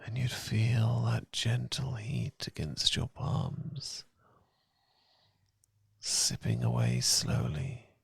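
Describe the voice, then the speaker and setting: This is slow, romantic guided-relaxation ASMR: a British man voices a loving boyfriend calming his partner, his husky tones soft, gentle and often whispered right at a dry, close microphone. The voice is fairly low yet swings widely in pitch, and no room sound can be heard, the pace tender and unhurried.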